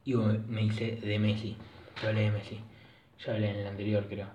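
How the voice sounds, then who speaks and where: A man's voice: on the low side, completely flat delivery, moderate pace, dark tone, a little hiss or hum. A young man with a Rioplatense Argentine accent, rambling alone on his podcast in crude, casual slang and often correcting himself. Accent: Rioplatense Spanish. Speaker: podcast host. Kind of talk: casual solo podcast monologue. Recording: echoey dull lo-fi room recording.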